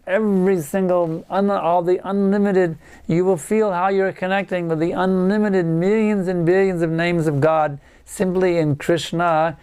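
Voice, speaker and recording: A man's voice: a little high, smooth. Earnest older man giving a devotional lecture. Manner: earnest, emphatic, repeats words for stress. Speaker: spiritual teacher giving a lecture. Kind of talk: devotional lecture to a home group.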